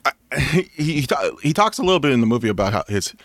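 A man's voice: medium pitch, big pitch swings, fast talker, fairly bright tone, no echo, studio quality. A man co-hosting a movie review chat, talking in a rambling way with many restarts. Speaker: podcast co-host reviewing movies. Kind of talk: casual chat.

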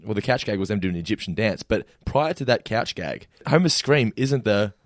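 A man in his twenties co-hosting a podcast, briskly running through an episode review with a teasing edge. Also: fairly low pitch, expressive, dry recording, studio quality. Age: 20s. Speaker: podcast co-host. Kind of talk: casual chat and episode review.

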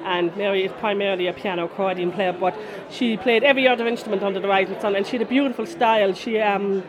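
Amid the busy murmur of a crowd after a concert, a folk musician in her forties from Connemara talks fast in a mid-range voice. With her west of Ireland accent, she rambles through stories in a casual interview, though the audio is poor.

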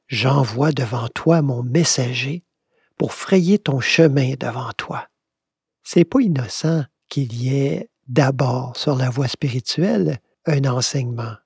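A man with a Québécois accent leads a reflective Bible commentary in a relaxed, questioning way. His voice is very husky, with a gravelly fry, and it sounds dry and close. He pauses to turn each passage over before going on. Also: mid-range voice, no room sound. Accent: Québécois French. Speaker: spiritual teacher.

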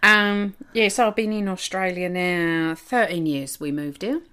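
A woman's voice: on the low side, unhurried, sharp tone, clear, resonant tone. An older woman from East London with an East London accent, co-hosting a podcast in casual, earthy, self-mocking chat with frequent laughter. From East London, England. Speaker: podcast co-host.

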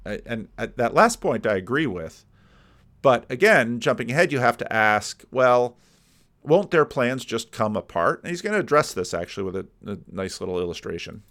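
A man's voice: medium pitch, big pitch swings, moderate pace, fairly bright tone. A man casually commenting on a sermon he is playing, hedging often with "sort of".

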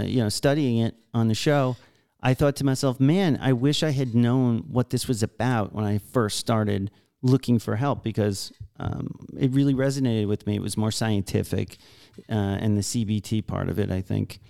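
Mellow, gravelly man sharing his experience. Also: mid-range voice, fairly even intonation, normal speed. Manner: earnest, speaks from personal experience. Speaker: podcast co-host. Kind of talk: casual recovery podcast chat.

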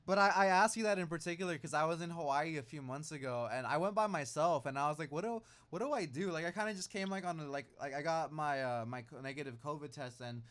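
Young male interviewer, halting and chatty. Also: fairly high pitch, a bit bright. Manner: halting, frequent "like" and "mm-hmm". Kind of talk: casual interview.

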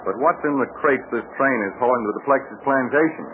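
A man plays a tough, wry adventurer in a 1940s radio serial. He talks fast and sure in a mid-range voice, through a tinny, noisy old broadcast. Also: mid-range voice, close to an everyday voice. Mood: wry, confident. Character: tough, confident, wry grown male adventurer.

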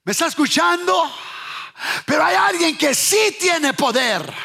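A man preaches a sermon emphatically, repeating his points, asking listeners if they hear him, and at times shouting or half-singing phrases. His voice is very high-pitched and gravelly, and he is very animated while speaking a little slowly.

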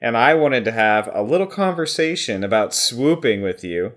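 A man's voice: mid-range voice, expressive, moderate pace, a bit bright. A man co-hosting a casual podcast, joking around and rambling playfully as he talks. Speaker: podcast co-host.

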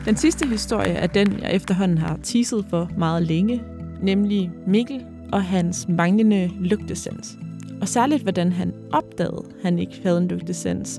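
A woman's voice: fairly low pitch, gravelly. A woman host introducing the next storyteller to the audience in a teasing way. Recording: music playing behind.

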